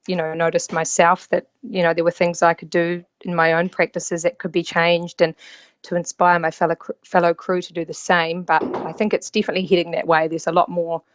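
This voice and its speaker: A woman's voice: lowish voice, little pitch movement, a little fast. A woman from New Zealand with a New Zealand accent, a podcast guest talking in an easygoing way over a video call. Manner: easygoing, with fillers and small restarts. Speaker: podcast guest, yacht stewardess. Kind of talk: casual interview chat. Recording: dull, dry call audio.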